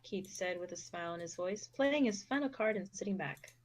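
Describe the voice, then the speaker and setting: A young woman narrating an amateur fan fiction reading with steady, expressive delivery. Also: mid-range voice, fairly quick. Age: young adult.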